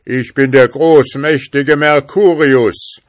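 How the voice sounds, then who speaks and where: A man voicing a huge, boastful bottle spirit who threatens in a loud, raised voice. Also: fairly even intonation, slow pace, dry recording, studio quality, lightly acted. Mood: menacing. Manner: booming, threatening, later pleading.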